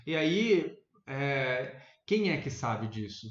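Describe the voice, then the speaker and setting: Brazilian man debating in an echoey room. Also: slow. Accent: Brazilian Portuguese. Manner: thinks aloud with many restarts, animated rises in pitch. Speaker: debate panelist. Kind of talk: casual debate. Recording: echoey room, dull lo-fi sound.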